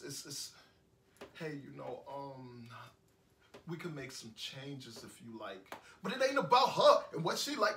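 A man's voice: on the high side, sharp tone, slight background noise. An actor with a New York accent playing a heartbroken young man who rambles bitterly and repeats himself in an indie film monologue. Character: heartbroken young man ranting after breakup. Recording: echoey room, voice from a distance.

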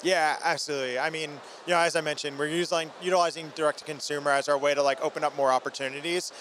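At a busy indoor trade show booth, a company founder in his thirties gives an informal, energetic interview into a handheld microphone. His voice is a little high, steady, fast, and a bit bright, with faint convention hall noise behind him.

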